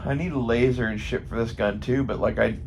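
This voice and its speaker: A man's voice: medium pitch, fairly even intonation, a little fast, creaky. An American man in a casual, rambling monologue, thinking aloud and swearing freely. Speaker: gun hobbyist vlogger. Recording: faint background noise. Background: faint ambient noise.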